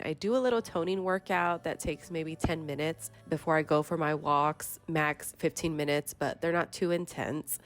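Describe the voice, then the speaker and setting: A woman in her thirties with a stuffy, congested voice, chatting casually in a vlog voiceover. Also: deep voice. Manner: chatty, rambling storytelling. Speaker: vlogger.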